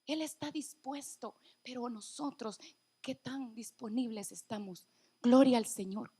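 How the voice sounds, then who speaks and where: A woman church elder preaching a sermon, emotional, swinging from loud fervent passages to near-whispers and calling the congregation brother. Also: a little high, measured pace, slightly rough. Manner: addresses congregation as brother, many restarts.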